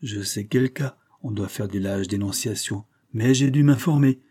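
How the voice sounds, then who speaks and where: A man's voice: on the low side, moderate pace, breathy edge. A man doing an indignant old-school banker. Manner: forceful, raised and vibrant voice. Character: indignant middle-aged male banker, stern and pleading.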